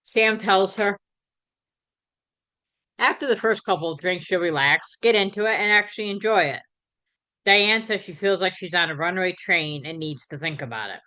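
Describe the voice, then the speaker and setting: A woman with a low-pitched but bright, crisp voice talks through a recap in a relaxed, conversational way. She stumbles and corrects herself now and then, with plenty of fillers. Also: moderate pace. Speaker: podcast host. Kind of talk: casual episode recap.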